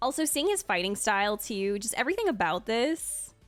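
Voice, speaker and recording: A very animated woman with a fairly high voice talks a little fast on a dry recording with soft background music. She's a video host and streamer, giggling casually and gushing enthusiastically as she reacts her way through a ranking.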